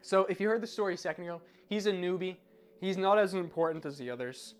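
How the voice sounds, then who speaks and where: High-pitched man streaming a game live. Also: fast, clean tone. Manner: chatty, informal, self-deprecating. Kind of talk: casual live gaming commentary.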